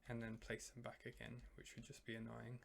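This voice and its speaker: A man with a strained, worn-out voice explaining a game build step by step, in halting phrases with pauses. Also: medium pitch, completely flat delivery, vocal fry. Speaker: tutorial maker.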